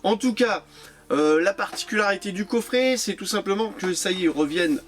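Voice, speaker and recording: A man's voice: high-pitched, expressive, fairly quick, a bit bright. A man chatting casually while unboxing and reviewing his die-cast toy cars, hesitant and full of repeated words. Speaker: toy car collector vlogger.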